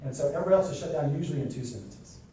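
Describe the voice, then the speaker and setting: A man leads a classroom lesson for real estate agents, with a fairly high voice. He talks casually and keeps checking that the room is following. The sound is heavily echoey and picked up from far off, with a faint hiss. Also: expressive, racing, mellow. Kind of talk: classroom lesson with role-play.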